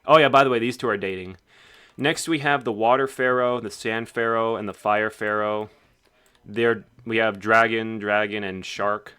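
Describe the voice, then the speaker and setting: Offhand man with a bright, crisp voice. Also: fairly low pitch, fairly even intonation, moderate pace. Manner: rambling, offhand. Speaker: game developer. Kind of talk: casual devlog narration.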